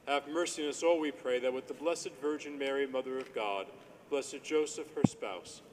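A man with a mid-pitched voice recites prayer as a priest at Mass. His delivery is formal and reverent, heard through long church reverb with faint noise. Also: normal speed. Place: large echoing church.

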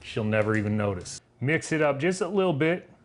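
A home cook with a Southern accent demonstrates a recipe in his kitchen, speaking animatedly, a bit fast, at a medium pitch. His talk is folksy and rambling, with loose grammar and plenty of filler words.

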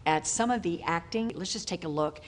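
A woman's voice: on the low side, fairly quick, slight background noise. A woman hosting a talk-show interview, reacting with enthusiasm. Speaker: host.

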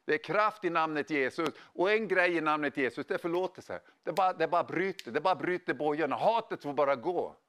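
Lively storytelling male pastor. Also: on the high side, few pauses. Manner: animated storyteller, casual slang. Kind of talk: sermon with storytelling.

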